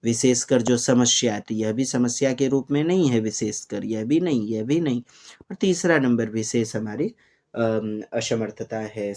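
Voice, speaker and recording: A man's voice: mid-range voice, darkish tone. A man teaching an exam-prep lesson, reading Sanskrit questions and explaining them in Hindi, often turning to his listeners with emphatic questions. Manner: mixes Hindi, Sanskrit and English, calls listeners "sahab", rising emphatic bursts.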